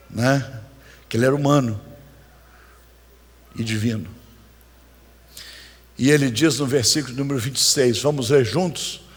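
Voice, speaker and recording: Dramatic Brazilian pastor in an echoing church. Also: male voice, mid-range voice, breathy edge. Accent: Brazilian Portuguese. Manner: dramatic, animated preaching with shouted peaks. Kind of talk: sermon. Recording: echoey church hall.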